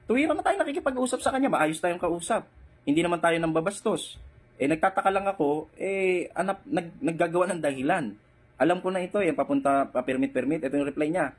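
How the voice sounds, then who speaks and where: A man's voice: fairly high pitch, animated, brisk, husky. A man giving mocking, confrontational commentary while reading a rival's chat replies aloud, often repeating his jabs. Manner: taunting, confrontational, repeats himself. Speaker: online religious debate commentator.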